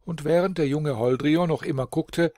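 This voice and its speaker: A man reading a fairy tale aloud as an audiobook narrator, in a calm, measured storytelling manner. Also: fairly high pitch, dry recording, clean studio sound. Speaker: audiobook reader.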